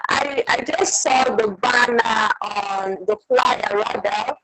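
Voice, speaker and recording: Woman caller, slow and halting, high voice, call dropping out, crackly line. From Nigeria. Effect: call dropping out, broken up and muffled. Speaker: viewer calling in. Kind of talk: casual call-in remark. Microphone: online video call. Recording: crackly online call with noise.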